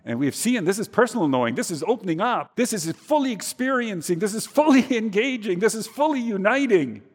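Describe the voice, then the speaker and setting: A man preaching a sermon, swinging between soft, low passages and emphatic, rising ones. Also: sing-song, fairly quick, slightly rough. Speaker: pastor. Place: church. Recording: reverberant church hall.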